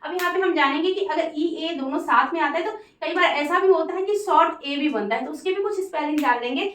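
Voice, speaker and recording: Woman teacher, high voice, spells out words slowly, roomy sound a little off-mic. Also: recorded from a distance. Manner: spells words letter by letter, repeats "ठीक है". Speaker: English teacher. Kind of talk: Hindi-language English phonics lesson.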